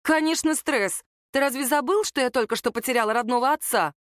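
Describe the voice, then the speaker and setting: A woman's voice: high-pitched, a little fast, fairly bright tone, dry recording, studio quality, voice pushed up. A woman voicing a sly, brash young woman who plays coy, mocks, and turns sharply indignant. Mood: coy mocking. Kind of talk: audiobook character voice.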